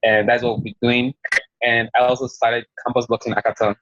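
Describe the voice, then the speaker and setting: A man who is a guest on an online call, speaking in a measured, level way. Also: medium pitch, flat delivery, fairly bright tone, no echo. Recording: dull dry online call audio.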